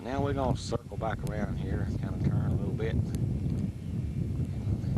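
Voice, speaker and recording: A man's voice: on the low side, a little slow. A middle-aged man with a rural Southern American accent, chatting casually and narrating a home video in a folksy country drawl. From rural southern United States. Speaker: father filming a home-video tour of family farmland. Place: outdoors on a windy ridge and farm. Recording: windy, very noisy 1980s camcorder audio.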